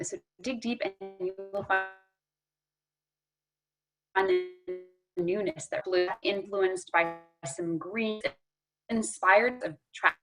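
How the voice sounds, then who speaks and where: Lady on a choppy video call, sound keeps cutting out, bit low-pitched, halting. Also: a bit bright, low-quality recording. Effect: video call audio breaking up and cutting out. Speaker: presenter. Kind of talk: webinar presentation over video call.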